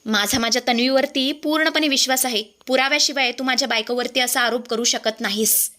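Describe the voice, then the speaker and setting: A woman's voice: high voice, fairly even intonation, brisk, sharp tone. A woman voicing a young husband who is alarmed and defensive of his wife.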